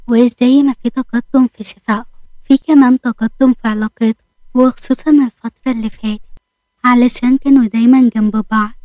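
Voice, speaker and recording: Woman, Egyptian Arabic accent, romantic story narration, calm, dry close recording. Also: a little high, no echo, poor audio.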